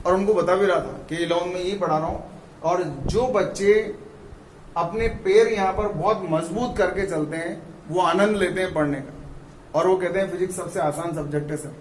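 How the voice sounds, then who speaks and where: A man with a high voice explains physics to his students, urging them again and again to look closely. He sits back from the mic in a room that rings with echo, and a faint room hum runs under him. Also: fairly even intonation, normal speed. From India. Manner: coaxing, repeats "see" and "look carefully". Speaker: physics teacher. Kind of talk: classroom lecture. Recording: roomy echo, mic at a distance.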